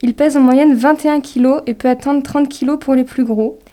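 A woman's voice: high voice, steady tone, normal speed, mellow. A woman co-presenting a nature radio programme, reading scripted, informative narration.

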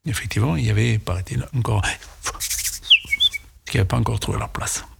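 A man recalling childhood memories in a reflective, hesitant way, with halting phrases, for a sound documentary. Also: fairly low pitch, gravelly, very noisy. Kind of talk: personal reminiscence.

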